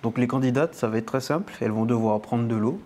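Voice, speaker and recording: A man's voice: mid-range voice, fast, dark tone, slight background noise. A man co-hosting a parody dating show, teasing his friends and announcing the rounds. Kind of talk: joking casual banter.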